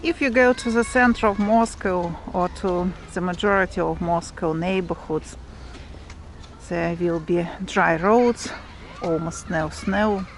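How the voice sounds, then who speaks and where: Russian-accented woman vlogging outdoors, street noise. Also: fairly low pitch. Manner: halting, explanatory, searching for English words. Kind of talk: casual walk-and-talk vlog. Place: outdoors, walking through a provincial town. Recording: clearly noisy outdoor street ambience, vehicles. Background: urban outdoor noise and vehicles.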